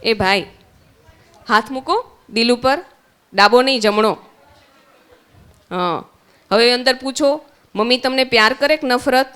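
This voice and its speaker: A woman's voice: on the high side, unhurried, long pauses, a bit bright, clean tone. A woman with a Gujarati accent, teaching young children at a summer camp, asking them questions and answering them herself. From Gujarat, India.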